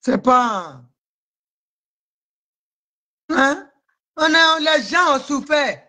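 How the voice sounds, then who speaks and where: A woman's voice: sits high, expressive, drawn-out words, sharp tone. A woman hosting a live stream, ranting in an agitated way and answering commenters by name. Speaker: livestream host. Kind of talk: heated live-stream rant.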